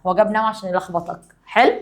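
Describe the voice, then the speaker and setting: Brisk Egyptian woman teaching English grammar. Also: medium pitch. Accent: Egyptian Arabic. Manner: brisk explaining, reads English examples out slowly and deliberately. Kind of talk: classroom grammar lesson.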